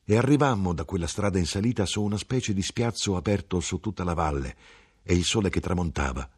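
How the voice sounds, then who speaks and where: A man giving an expressive, theatrical reading of a literary audiobook. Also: sits low, a little fast, slightly rough. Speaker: audiobook reader.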